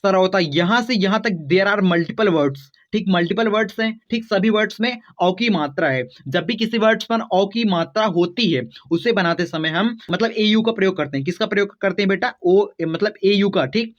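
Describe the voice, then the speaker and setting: High-voiced man teaching spelling slowly. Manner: slow, spells words out letter by letter, often checks with "theek". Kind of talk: spelling lesson for beginners. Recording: dull lo-fi sound.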